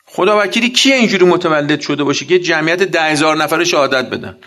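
A man's voice: fairly high pitch, sharp tone. A man giving a blunt sermon, telling combative anecdotes and acting out the dialogue.

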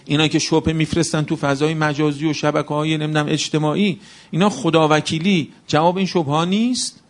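A man delivers a passionate sermon with a slightly high voice roughened by gravel. He keeps pressing his listeners with rhetorical questions, his tone earnest and insistent. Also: fairly even intonation. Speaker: preacher. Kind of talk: religious sermon.

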